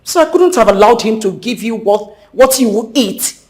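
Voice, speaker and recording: A woman's voice: fairly high pitch, lively intonation, moderate pace, a little mellow, natural voice. An actress with a Nigerian accent playing a controlling queen in a film drama. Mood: pleading. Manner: firm, controlling. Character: scheming queen, firm middle-aged woman.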